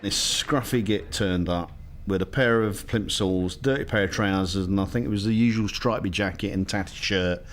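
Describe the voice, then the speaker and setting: A man's voice: deep voice, normal speed, a little hiss or hum. A man describing someone in a scornful, wry way during an interview.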